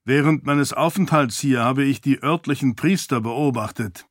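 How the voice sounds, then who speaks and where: A man playing a stern high priest. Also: moderate pace, no room sound, clean studio sound, lightly acted. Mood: commanding. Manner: commanding, formal.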